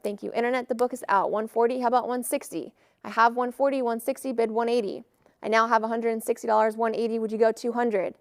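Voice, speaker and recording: A woman auctioneer calling bids in a live auction with brisk, formulaic patter. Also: fairly high pitch, dry recording, studio quality.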